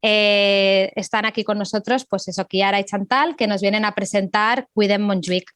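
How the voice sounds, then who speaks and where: A woman's voice: mid-range voice, steady tone, moderate pace, a bit bright, clean tone, dry recording, clean studio sound. A woman hosting a podcast interview, welcoming guests and asking friendly questions. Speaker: podcast host.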